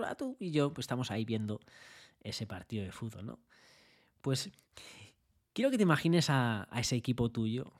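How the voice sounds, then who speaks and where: Chatty man giving a pep talk. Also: mid-range voice. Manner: conversational, peppered with rhetorical tag questions; builds a vivid scenario, jumps into shouted bits. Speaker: motivational speaker. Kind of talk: motivational audio talk.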